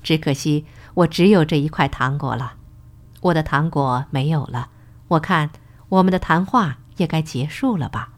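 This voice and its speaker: A kindly school principal speaks slowly and gently, as a woman puts him on. The voice sits lower than her narration and stays soft, patient and reassuring, a storybook reading. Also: close to an everyday voice. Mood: gentle kindly. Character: kind, calm male school principal.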